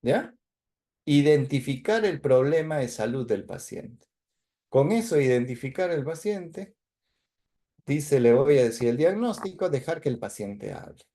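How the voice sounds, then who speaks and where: A man giving a medical lecture in a warm, mellow voice. He explains things patiently and keeps checking in with tag questions and fillers. His pitch sits at an ordinary middle level. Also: expressive, measured pace. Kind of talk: university lecture.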